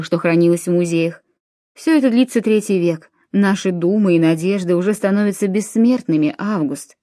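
A grave, world-weary Roman commander in his late forties, read by a woman in a storybook reading, his words dropping low and heavy. The voice is mellow and dark, set close and dry with no room around it. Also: dry recording, close to an everyday voice. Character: aging weary Roman commander, man of forty-seven.

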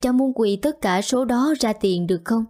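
A woman's voice: on the high side, normal speed, darkish tone, close to an everyday voice. A woman reading as a timid, determined poor girl. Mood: pleading.

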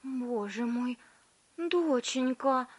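Doting storybook mum voiced by a woman: cooing, gushing, high and slow. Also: breathy edge, heavily acted. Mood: doting, alarmed. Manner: cooing and gushing, then alarmed. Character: doting, fussy mother of a spoiled girl.

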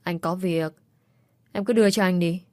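Woman voicing a rough abusive husband. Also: fairly low pitch, fairly even intonation, normal speed, mellow, no room sound, clean studio sound, natural voice. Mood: wheedling. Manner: rough, threatening. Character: drunk violent abusive young husband.

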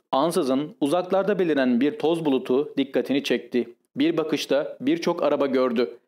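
A man narrating a classic short story as an audiobook, calm and measured. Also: fairly high pitch. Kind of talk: scripted narration.

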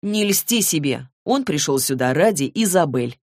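A sarcastic young man who sneers at everyone around him, read by a woman in an audiobook. The voice stays low and near her own. The recording is dry and close. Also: animated, moderate pace, a little mellow, no room sound. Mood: mocking. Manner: mocking, sneering.

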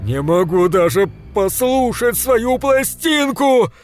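Drunk desperate man, as a male reader puts him on, tearful, wailing, much higher and louder than the narration, slow drawn-out words. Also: very animated, soft background music, full character voice. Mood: anguished shouting. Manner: loud, drawn-out, wailing delivery.

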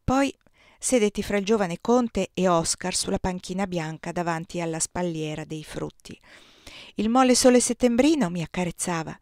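A woman reading a novel aloud in calm, even narration. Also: lowish voice, moderate pace, no echo, studio quality. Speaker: audiobook reader.

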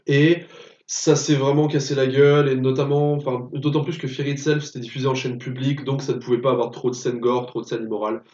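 A man's voice: medium pitch, little pitch movement, a little fast, darkish tone. Blunt, opinionated man in an echoey room. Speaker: podcast co-host. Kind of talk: casual film podcast chat. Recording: echoey room, distant dull mic.

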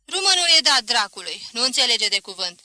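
A woman reading an audiobook voices a burly loudmouthed man who loudly rouses a street crowd. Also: a little high, sing-song, no room sound, heavily acted. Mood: fervent. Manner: loud, rousing, declamatory. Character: burly loudmouthed man urging harsh rule.

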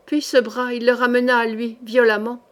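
A woman reading a historical novel aloud as an audiobook, in steady, expressive storytelling that voices the characters lightly. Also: on the high side, moderate pace. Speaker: audiobook reader.

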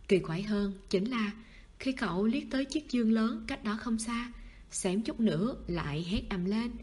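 A woman's voice: mid-range voice, darkish tone. Woman narrating a spooky novel. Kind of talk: audiobook narration.

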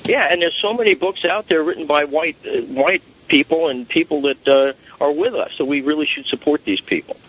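A man calling in to a talk show over the phone, chatting casually and rambling with frequent "uh" pauses. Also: a little high, fairly bright tone, husky. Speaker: caller to a radio talk show. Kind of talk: casual call-in chat. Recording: dull, lo-fi phone line.

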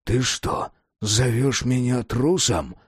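A man voicing a contemptuous gunman who speaks coldly and slowly, with clipped words. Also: mid-range voice, slightly rough, dry recording, clean studio sound. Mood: cold anger. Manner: cold, slow, clipped, barking.

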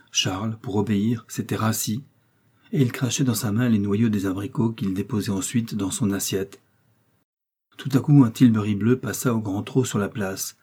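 Male audiobook narrator, measured and grave, low mellow voice with a husky edge.

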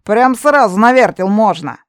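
A woman's voice: mid-range voice, lively intonation, normal speed, no echo, clean studio sound, pitched above the performer's own voice, close to an everyday voice. A woman voicing a brash, mocking young red-haired witch in an audiobook. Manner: loud, cheeky, mocking.

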